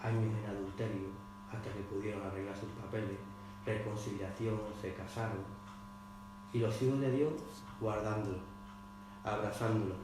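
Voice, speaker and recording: Impassioned preacher in an echoey hall. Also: male voice, fairly low pitch, steady tone, normal speed, pauses often. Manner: impassioned preaching, reading scripture aloud with rising force. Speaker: pastor. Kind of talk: sermon. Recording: very echoey church hall with faint mains hum.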